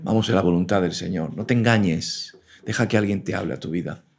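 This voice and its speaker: A man's voice: sits low, a little fast, slight background noise. A man preaching an earnest sermon, punctuated with frequent amens and restarts. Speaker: preacher and teacher.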